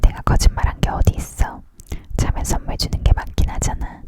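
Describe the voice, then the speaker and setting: A reader voicing a gruff, boastful male Santa Claus in a whispered role-play of a storybook, grumbling and justifying himself. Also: brisk, close to an everyday voice. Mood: defensive.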